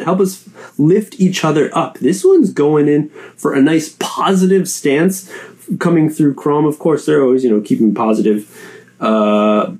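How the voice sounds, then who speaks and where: A man hosting a solo chat show, rambling and casual, repeating words as he goes and swinging his pitch up and down. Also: darkish tone. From Canada. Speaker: podcast host.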